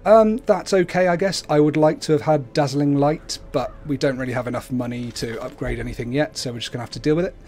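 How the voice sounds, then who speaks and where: A man's voice: a little high, fast, few pauses, a little mellow, soft background music. Man giving casual game commentary. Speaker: livestream host playing a video game. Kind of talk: casual explanatory gameplay commentary. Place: indoors at a computer, webcam.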